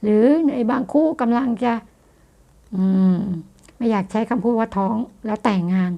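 A woman's voice: on the high side, normal speed, mellow, highs cut off. A woman astrologer giving a rambling, chatty fortune-telling monologue. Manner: chatty, repetitive, polite particles.

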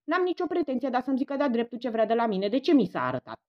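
A woman voicing a loud, pushy older woman with a blunt, demanding everyday manner. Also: on the high side, big pitch swings, highs cut off, voice pushed up. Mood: insistent.

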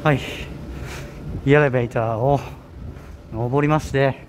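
His pace is slow and his mid-range voice steady as this young Kanto-accented vlogger strolls a hilly campus outside, slightly breathless. He chats in a rambling way, often correcting himself, and the handheld camera picks up a little hiss or hum.

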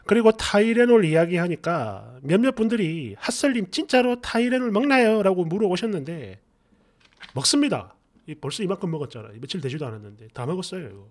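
A man's voice: sits high, big pitch swings, fairly quick. A middle-aged man reads viewer stories aloud from a small room, his voice swinging widely up and down as he reacts. He slips into sarcastic retorts while reading comments. The sound is close, from a mic on his desk. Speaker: story channel host.

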